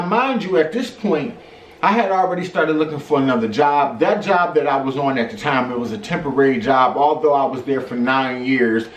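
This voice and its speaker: A man vlogging a storytime in an animated, slangy way, throwing out rhetorical questions. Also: a little high, a little hiss or hum. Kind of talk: storytime vlog. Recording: echoey room, mic at a distance, faint ambience.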